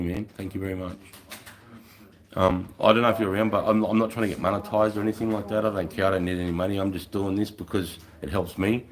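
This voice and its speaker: An Australian man chatting casually on a livestream in a blokey, sweary way full of mates and bros. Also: sits low. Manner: blokey, frequent swearing and mate-bro slang. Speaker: livestreamer, former infantry soldier.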